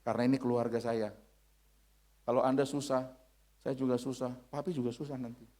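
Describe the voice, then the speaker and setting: A man in his thirties preaching a sermon in a church, forceful, dropping to hushed lines and rising to shouted ones. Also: mid-range voice, steady tone, fairly quick. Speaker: pastor. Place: church sanctuary.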